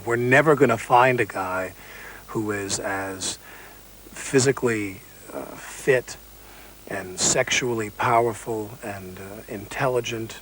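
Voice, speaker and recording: Male commentator, lowish, emphatic. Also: fairly bright tone, poor audio. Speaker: interviewee.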